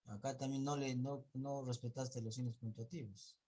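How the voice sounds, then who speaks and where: A man's voice: mid-range voice, steady tone, moderate pace, dark tone, slightly rough. A man teaching an online class, going over pupils' reading mistakes and counting errors aloud.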